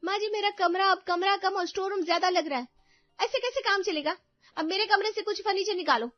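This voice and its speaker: A woman voicing a shrill, demanding young wife in a cartoon story, complaining loudly. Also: animated, fast talker, no room sound. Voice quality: shrill, whiny. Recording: dull dry voice-over with faint music.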